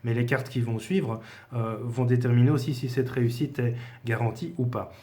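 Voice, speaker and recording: A man's voice: mid-range voice, fairly even intonation, normal speed, mellow. A man giving a casual spoken tarot lesson, talking informally to the viewer with frequent hesitations. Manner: conversational, addresses viewer informally, many fillers. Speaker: tarot teacher.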